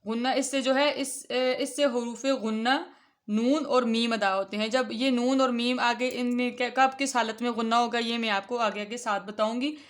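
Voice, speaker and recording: A woman teaching a Quran reading lesson for children, explaining patiently and reciting letter names slowly and clearly. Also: fairly high pitch, fairly even intonation. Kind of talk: instructional lesson.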